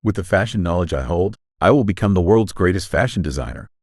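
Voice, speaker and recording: A man's voice: deep voice, lively intonation, fast, dry recording, studio quality. A man voicing a villainous talking closet, a pompous machine with theatrical, menacing, grandiose delivery. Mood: gloating menace. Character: villainous talking robot closet, grandiose fashion-obsessed tyrant.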